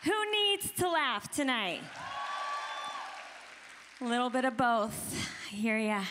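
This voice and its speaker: A woman's voice: a little high, sing-song, slow, a crowd in the background, noisy background. A woman in her forties doing a chatty, self-deprecating stand-up comedy set at a conference on a handheld microphone. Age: 40s. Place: women's conference hall. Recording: reverberant hall sound.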